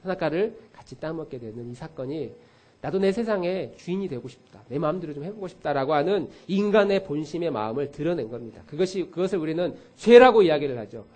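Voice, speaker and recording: A man's voice: on the high side, fast. A middle-aged male pastor preaching a sermon in a church, telling stories with acted-out quotes and speaking straight to his congregation. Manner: animated storytelling with acted quotes; addresses congregation directly. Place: church sanctuary.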